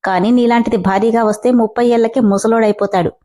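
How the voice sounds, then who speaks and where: A woman's voice: on the high side, steady tone, quick pace, mellow, close to an everyday voice. A woman reading the lines of a scheming, sarcastic middle-aged man. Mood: sneering. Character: scheming, sneering middle-aged brother-in-law.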